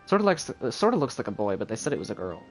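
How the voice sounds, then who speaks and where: Over video game music, a man gives casual live commentary on the game he's streaming, chatting and mumbling to himself. He talks at a racing clip in a mid-range, sing-song voice.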